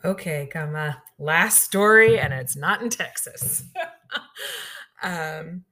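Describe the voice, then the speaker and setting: Middle-aged woman from southeast missouri, chatty radio story, slightly low voice, lots of ums. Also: expressive, slow, pushed and bright. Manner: chatty, frequent ums and you-knows, laughs through lines. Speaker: radio show regular sharing stories. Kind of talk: casual personal storytelling.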